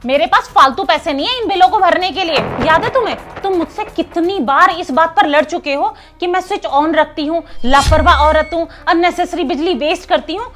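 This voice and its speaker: A woman's voice: very high voice, a little fast, hardly any pauses, fairly bright tone. A woman acting a bossy wealthy house mistress who scolds and taunts in a short drama skit. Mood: arguing. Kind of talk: scripted Hindi skit acting.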